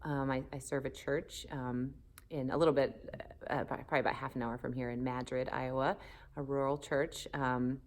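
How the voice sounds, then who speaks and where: A woman in her forties from the Southern United States, a pastor speaking candidly in an interview, thoughtful and animated with many fillers. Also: very deep voice, moderate pace. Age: 40s. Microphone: phone camera.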